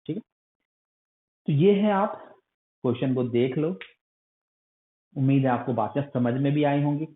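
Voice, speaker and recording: A man's voice: mid-range voice, a little slow, long pauses. A male math teacher giving an online lecture, in terms, coaxing and scolding his students like a strict elder. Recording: phone-like lo-fi recording.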